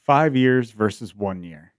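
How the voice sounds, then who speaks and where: A man's voice: mid-range voice, lively intonation, unhurried, no room sound, studio quality. A man co-hosting a podcast, asking leading questions and joking along. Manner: jokey, asks leading questions. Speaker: co-host. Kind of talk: casual podcast chat.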